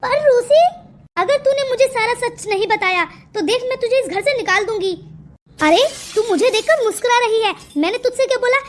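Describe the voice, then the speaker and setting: A woman's voice: very high voice, normal speed, a little hiss or hum. A woman voicing a worried, loving village mother in a cartoon story, fussy and coaxing, turning to scolding. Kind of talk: cartoon voice acting.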